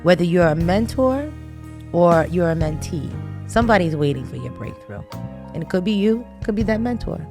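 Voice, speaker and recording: A woman's voice: lowish voice, expressive, normal speed, over music. A woman hosting a faith-based talk show, encouraging listeners in a casual, preacherly way. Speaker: host.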